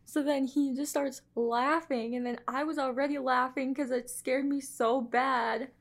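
A woman's voice: high-pitched, fairly even intonation, measured pace, gravelly. A young adult woman co-hosting a podcast in casual chat, giggly and swearing casually. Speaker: podcast co-host.

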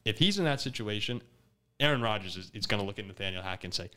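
A man's voice: lowish voice, animated, fast, pushed and bright. A man hosting a casual sports chat, steering the talk and laughing often. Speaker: podcast host.

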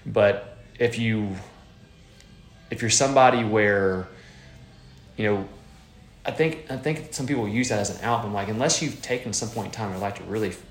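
A man's voice: on the low side, normal speed, pauses often, echoey room. A man in his thirties hosting a podcast, rambling casually with lots of fillers and restarts. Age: 30s. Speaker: podcast host.

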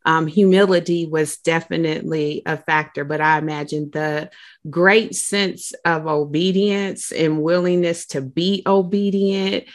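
A woman with a low voice hosts a podcast interview. She answers her guest in an affirming, reflective way and then asks her next question. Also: fairly even intonation, a little slow. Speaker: podcast host. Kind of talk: interview conversation.

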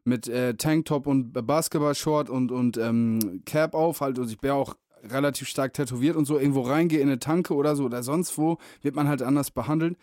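Junger Mann, Podcast-Host, derb und salopp, trocken aufgenommen. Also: male voice, medium pitch, moderate pace, hardly any pauses, a little mellow, dry recording, clean studio sound. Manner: slangy, crude, joking. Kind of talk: casual chat.

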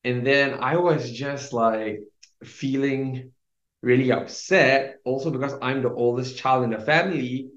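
A young Singaporean man shares his faith story as a podcast guest, rambling with many fillers, restarts and small laughs. His medium-pitched voice is a little slow, and the recording sounds roomy, dull and lo-fi.

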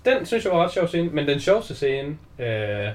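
A man in casual conversation about a film, retelling scenes with lively quoted voices and frequent swearing. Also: on the high side.

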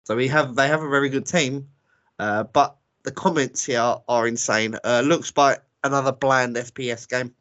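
A man's voice: medium pitch, steady tone, normal speed, a bit bright, dry recording. A man hosting a casual gaming podcast, blunt and dismissive, laughing now and then. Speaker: podcast host. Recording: dull, slightly lo-fi, dry sound.

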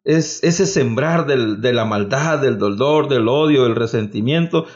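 A man's voice: medium pitch, highs cut off. Fervent male preacher exhorting his listeners.

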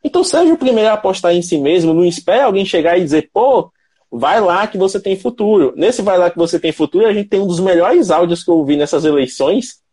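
A man's voice: high-pitched, expressive, quick pace, hardly any pauses, warm tone, breathy edge. A man with a Brazilian accent, hosting a mobile photography channel, who talks emphatically and asks rhetorical questions. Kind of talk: live chat on a stream.

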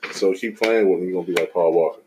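A man's voice: low voice, fast talker, mellow, slight background noise. A man hosting his podcast, talking in with blunt, joking banter. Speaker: podcast host. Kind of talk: casual podcast chat.

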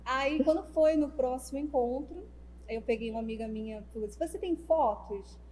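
A young woman casually telling the story of her relationship as a guest, animated and acting out the dialogue. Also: high voice, brisk, a little hiss or hum, poor audio. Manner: animated, acts out the dialogue, many fillers like "né". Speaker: guest telling how she met her partner.

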